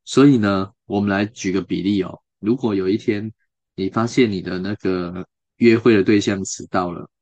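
A radio host, a man with a Taiwanese Mandarin accent, talks through a book in a loose, chatty way. His voice sits low, and he keeps turning to his listeners with questions between fillers and restarts. The sound is close and dry, with no room around it. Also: normal speed, darkish tone, dry recording, muffled recording. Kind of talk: casual book talk to listeners.

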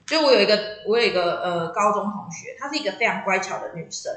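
A woman, chatting casually and telling stories, animated, laughing often and acting out the voices of people she quotes. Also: medium pitch, fast, reverberant, low-quality recording. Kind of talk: casual chat, storytelling.

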